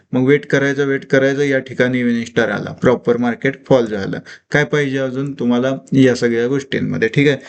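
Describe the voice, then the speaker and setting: A man teaching a live trading session, asking quick questions and answering them himself. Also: mid-range voice.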